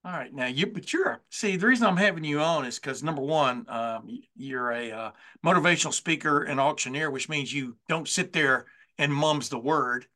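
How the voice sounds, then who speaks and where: A man's voice: a little high, normal speed, pushed and bright. A man in his sixties hosting a sports talk show, chatting in a rambling way with plenty of fillers and restarts. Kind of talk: casual sports interview.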